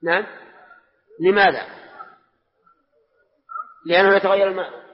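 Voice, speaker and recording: A man with a high voice teaches a religious lesson, questioning his students and pressing them for answers. He is recorded in a large mosque hall with a long, ringing reverb. The recording is dull and lo-fi. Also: moderate pace.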